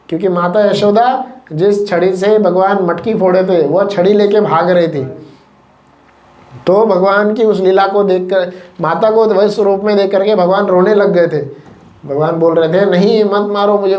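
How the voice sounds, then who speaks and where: Brief: high-pitched man, animated devotional storyteller. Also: lo-fi sound. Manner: lively, animated storytelling with acted quotes and laughs. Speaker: kirtan storyteller.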